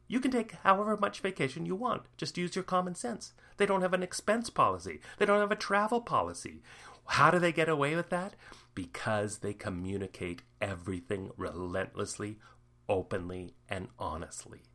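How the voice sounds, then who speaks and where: A male podcast host talks on his own in an upbeat, playful way. His bright voice rises and falls a lot as he leans hard on key words. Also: mid-range voice. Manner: lively, playful, emphatic delivery. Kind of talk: upbeat solo podcast talk.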